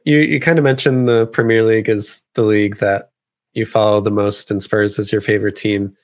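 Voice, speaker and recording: Hosting an interview, a man poses long, easygoing questions packed with filler words. His voice is slightly low, and he keeps a relaxed, conversational tone.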